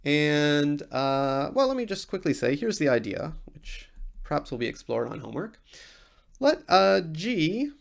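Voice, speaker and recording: A university lecturer explains technical material informally, thinking aloud as they go. The voice sits at a middling pitch, with animated intonation and frequent vocal fry. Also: moderate pace.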